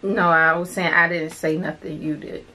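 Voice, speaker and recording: A woman's voice: on the low side, fairly even intonation, moderate pace, sharp tone. A woman chatting casually for a vlog, teasing and laughing as she tells stories. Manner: teasing, laughs often, playful storytelling. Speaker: vlogger. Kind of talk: casual chat.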